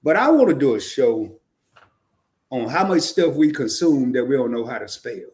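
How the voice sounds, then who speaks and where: A man's voice: medium pitch, sing-song, moderate pace, darkish tone. A man co-hosting a podcast in casual chat, playful and joking, often stumbling and restarting his sentences. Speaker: podcast co-host.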